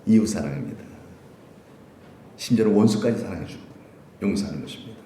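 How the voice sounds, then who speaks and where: A man preaching a Sunday sermon as pastor, lively and conversational, often putting questions to the congregation. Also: low-pitched, fast, slight background noise. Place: church sanctuary. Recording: echoey church room.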